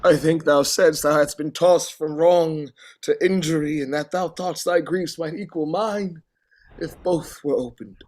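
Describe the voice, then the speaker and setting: An actor playing an anguished, long-suffering king in classical verse, with a theatrical, halting delivery that swings between hush and outcry. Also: on the high side, fairly even intonation, close to an everyday voice. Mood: grieving, intent. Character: grief-worn, long-suffering king, anguished, hoping and doubting. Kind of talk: classical verse stage acting.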